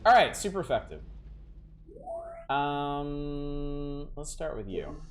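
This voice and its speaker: A man's voice: on the high side, big pitch swings, slow pace, a little hiss or hum. A man streaming a video game, thinking aloud in a casual, wry way. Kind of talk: casual gameplay commentary. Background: faint game music.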